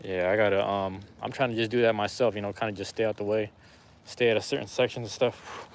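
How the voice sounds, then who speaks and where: A fast-talking man with a lowish voice and fairly even intonation livestreams outside in light rain, using his phone camera. He chats with viewers casually, rambling in slang at an easy pace of mind and repeating himself.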